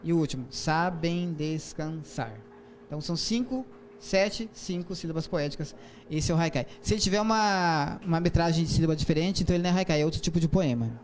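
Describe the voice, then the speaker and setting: Man, Brazilian Portuguese accent, slightly high voice, patient explainer, fillers and restarts, faint background noise. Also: fast talker, a little mellow. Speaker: poet and author guest. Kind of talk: interview, explaining and reciting poetry.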